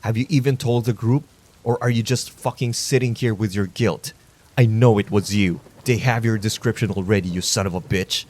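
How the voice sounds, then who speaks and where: A man playing a furious long-haired vigilante who growls and shouts his accusations. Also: lowish voice, normal speed, close to an everyday voice. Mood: accusing.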